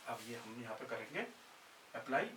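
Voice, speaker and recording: A man's voice: mid-range voice, very animated, moderate pace, pushed and bright. A male physics teacher explaining formulas step by step, often repeating himself. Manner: repetitive, drills formulas step by step. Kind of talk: blackboard lesson explanation. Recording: echoey room, distant mic, faint hiss.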